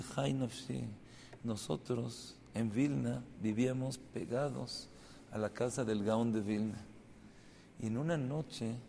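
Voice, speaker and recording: A man, a rabbi, giving a Torah class in Spanish as an animated storyteller, acting out the people's words. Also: mid-range voice, creaky, slight background noise. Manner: animated storyteller, acts out dialogue, rises to loud emotional peaks. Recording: distant echoey hall.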